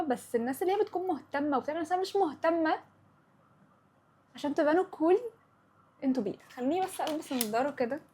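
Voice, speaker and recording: A young woman in her twenties with an Egyptian Arabic accent, hosting a casual chat podcast, chatty and opinionated, slipping English words into her talk. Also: high-pitched. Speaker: podcast host.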